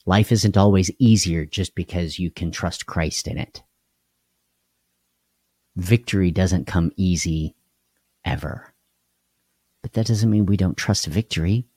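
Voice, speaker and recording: Man, live devotional host, earnest, repeats phrases, warm low voice, dry room. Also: husky, no room sound.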